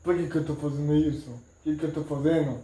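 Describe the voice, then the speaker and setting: A male preacher voicing a troubled biblical strongman who questions himself slowly and softly. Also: on the high side, steady tone, close to an everyday voice. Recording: echoey room.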